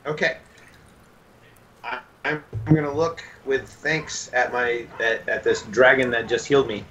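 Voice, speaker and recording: Brief: man, tabletop player, mid pitch, playful and rambling, faint hum behind him. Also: fairly even intonation, a bit bright, rough recording. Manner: playful, rambling, quick to laugh. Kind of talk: casual game chat.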